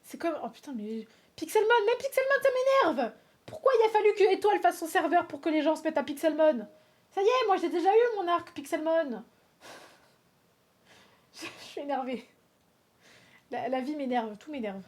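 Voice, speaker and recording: A woman's voice: high-pitched, moderate pace, long pauses. A young woman streaming a shooter game, chatting to viewers, shrieking and swearing as she plays. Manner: excitable, shrieks and yelps during play, swears; reads chat and chats to viewers. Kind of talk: casual gaming livestream chat.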